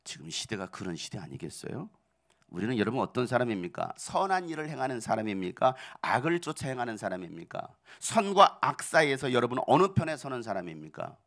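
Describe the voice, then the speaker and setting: A man's voice: mid-range voice, sing-song, fairly quick, a bit bright. A middle-aged male pastor preaching a sermon, asking the congregation rhetorical questions and driving his points home with building emphasis.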